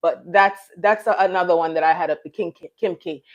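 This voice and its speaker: A woman's voice: lowish voice, brisk, lo-fi sound. A middle-aged woman from Jamaica hosting a casual live chat, rambling and restarting her sentences as she talks to viewers. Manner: chatty, rambling, many restarts and fillers. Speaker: live stream host.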